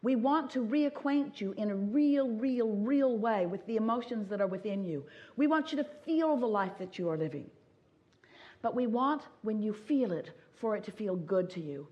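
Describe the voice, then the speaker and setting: A woman's voice: a little high, expressive, moderate pace, lo-fi sound. A woman giving a motivational seminar talk, speaking as a collective "we" and repeating points for emphasis. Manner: emphatic repetition. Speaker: inspirational speaker.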